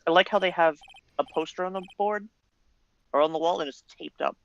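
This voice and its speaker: A woman's voice: on the low side, brisk, close to an everyday voice. Woman playing an eager young sidekick. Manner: excitable, exclamatory.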